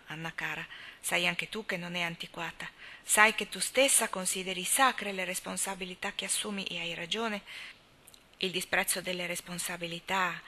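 A woman voicing a serious young husband who lectures in a calm, measured way. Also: on the low side. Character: serious young husband, a doctor, gently preachy.

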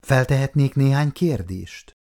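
A man's voice: mid-range voice, expressive, gravelly, a little mellow, voice pushed up. A male audiobook reader voicing a curious, earnest young woman official who asks questions directly and with polite insistence. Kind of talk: audiobook character voice.

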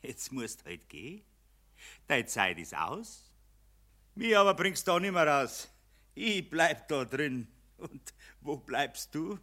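A gloating Bavarian spirit of money who sneers and taunts in a radio play. The voice leaps wildly up and down in pitch and has a bright edge, while the delivery is slow and drawn out. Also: male voice, big pitch swings, heavily acted. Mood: taunting. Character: mocking male spirit of money, Mammon, gloating. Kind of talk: broadcast radio play acting.

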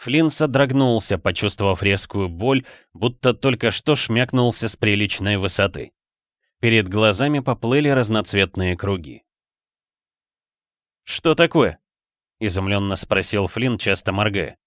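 A man's voice: fairly low pitch, moderate pace, no echo. Man narrating a story, dry sound. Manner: steady storytelling delivery. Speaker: audiobook narrator. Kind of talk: scripted narration.

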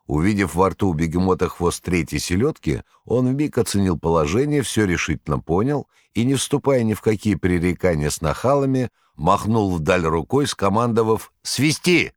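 A man reading a story aloud with lively, dramatic delivery. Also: deep voice, moderate pace, hardly any pauses, no echo, clean studio sound. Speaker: narrator. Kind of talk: scripted narration.

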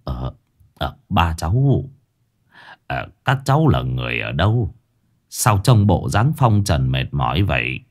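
A man voicing a frail, gentle old village man who speaks in a hesitant, halting way. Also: very deep voice, very animated, pitched below the performer's own voice, full character voice. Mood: kindly.

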